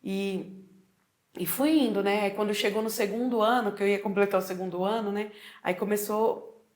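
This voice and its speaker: Brazilian woman telling a lively story. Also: medium pitch, normal speed. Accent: Brazilian Portuguese. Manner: lively, acts out dialogue, frequent tag questions. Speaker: guest telling her story. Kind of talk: casual storytelling chat.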